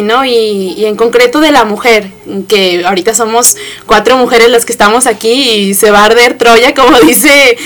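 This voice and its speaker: A woman hosting a talk show, chatty and full of fillers. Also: fairly high pitch. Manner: chatty, warm welcoming with filler words. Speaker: host. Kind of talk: casual chat.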